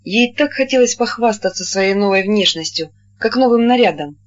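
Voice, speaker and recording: Measured audiobook narrator, lo-fi sound. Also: medium pitch. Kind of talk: scripted narration.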